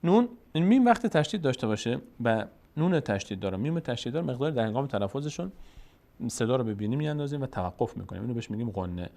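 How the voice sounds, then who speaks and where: Male recitation teacher, drawn-out chanting broken by brisk explanation. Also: medium pitch, animated, creaky, darkish tone. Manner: alternates drawn-out chanted syllables with quick spoken explanations. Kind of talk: tajweed lesson, spelling out and chanting verses slowly.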